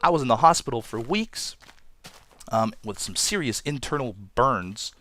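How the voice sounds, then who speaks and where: A man's voice: medium pitch, animated, moderate pace, a bit bright. A man from Toronto hosting a Let's Play, telling a story in a chatty, rambling, self-deprecating way over gameplay. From Toronto, Canada.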